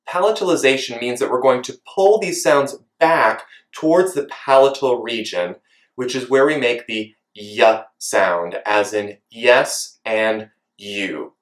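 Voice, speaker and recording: A man teaching English pronunciation, speaking slowly and deliberately as he demonstrates sounds. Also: mid-range voice, echoey room. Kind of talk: instructional lesson.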